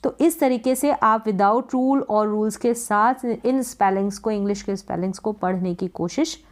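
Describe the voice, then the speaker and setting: A woman teaching English pronunciation, explaining spelling rules step by step and repeating example words slowly and patiently. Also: mid-range voice. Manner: patient and repetitive, restating each rule. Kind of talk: explaining phonics rules, reading letter pairs and example words aloud.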